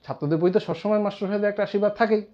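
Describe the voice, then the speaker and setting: Mellow-voiced teacher explaining grammar. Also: male voice, sits high, fairly even intonation, dull audio. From India. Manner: explains slowly, repeats terms, quotes example sentences. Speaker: English teacher. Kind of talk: classroom grammar lesson.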